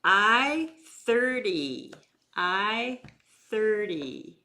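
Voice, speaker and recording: A woman calling bingo, announcing letters and numbers in a loud, drawn-out, deliberate way and repeating them. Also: mid-range voice, sing-song. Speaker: bingo caller.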